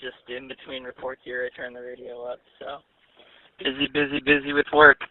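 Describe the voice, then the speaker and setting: Young male ham radio caller over a thin, narrow-band radio transmission, casual with a teasing edge, mid-pitched. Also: level tone, a little fast, dry recording. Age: young adult. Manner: easygoing, teasing. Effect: heard over a radio transmission. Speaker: radio net check-in caller.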